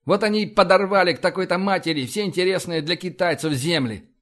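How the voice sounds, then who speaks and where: A man's voice: high voice, fast talker, a bit bright, pitched above the performer's own voice. A man reading an audiobook, voicing a sullen, scornful male astronaut who grumbles.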